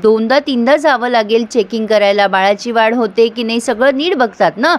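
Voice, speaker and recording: A woman's voice: a little high, normal speed, natural voice. A woman voicing a concerned young woman explaining hospital check-ups to her friend.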